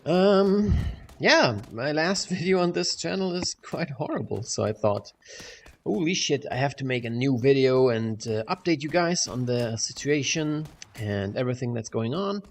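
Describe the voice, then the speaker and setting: A man's voice: medium pitch, lively intonation, normal speed. Man, casual swearing vlog chat, big echoey empty room, faint background noise. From Germany. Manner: loose and rambling, swears freely. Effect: echoey room sound, like a big bare hall. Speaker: gaming channel host. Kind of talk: casual rambling vlog over gameplay. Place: sparsely furnished room at home with large windows.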